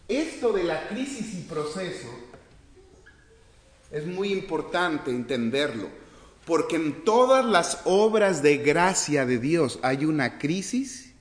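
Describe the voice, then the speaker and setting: A man's voice: fairly high pitch, very animated, slow pace, pauses often. A man preaching and teaching, explaining step by step and asking the audience questions that he then answers himself, often restarting his sentences. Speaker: preacher teaching a church class. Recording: echoey hall with long reverb.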